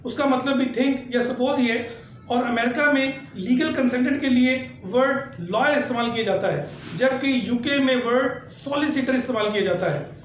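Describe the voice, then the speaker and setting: A man giving an explanatory lesson, spelling out examples slowly and deliberately. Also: extremely high pitch. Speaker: teacher. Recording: very echoey room, faint background noise.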